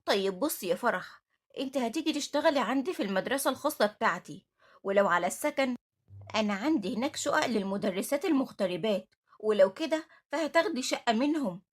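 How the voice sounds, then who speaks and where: A woman's voice: fairly high pitch, expressive, quick pace, breathy edge. A woman with an Egyptian accent reading the part of a stern, motherly older woman who runs an orphanage, firm and scolding. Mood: tender.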